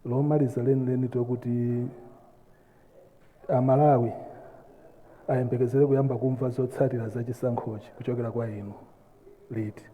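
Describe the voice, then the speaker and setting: A man's voice: medium pitch, fairly even intonation, fairly quick, pauses often, mellow, slight background noise. A man with a Malawian accent, a reporter putting formal questions at a press conference, mixing two languages. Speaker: newspaper reporter. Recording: echoey hall, thin phone-like sound.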